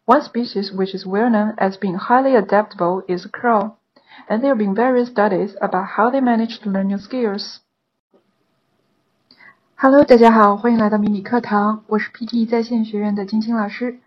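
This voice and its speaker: A woman's voice: a little high, dull audio. A woman teacher giving a methodical video lesson, explaining terms step by step. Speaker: online exam-prep teacher.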